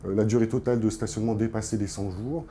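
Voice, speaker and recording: A man's voice: lowish voice, steady tone, fast, mellow. A man explaining a case in an interview, hesitant and repeating words as he goes. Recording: faint ambient noise.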